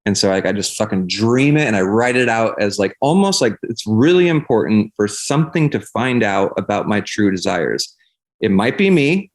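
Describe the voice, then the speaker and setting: A man talking candidly and casually as a podcast guest, in an earnest, rambling way peppered with swearing. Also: fairly low pitch.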